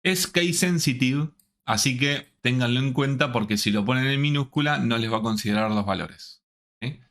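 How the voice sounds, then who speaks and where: In a live online programming class, a man speaks slowly and checks on his students at almost every step. He has a mid-range voice and a fairly bright tone.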